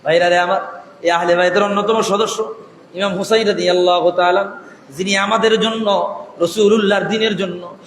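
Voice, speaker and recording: A man's voice: sits high, steady tone, fairly quick, a bit bright, slight background noise. A man preaching a fervent sermon, chanting and sing-song, calling out to the crowd over a PA system. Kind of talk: Bengali waz sermon. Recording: echoey PA sound with long reverb.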